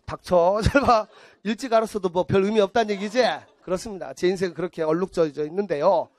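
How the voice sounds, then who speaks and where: A man's voice: sits high, fast talker. A man in his forties lecturing a class on math, blunt and teasing, acting out little scenes of the people he talks about.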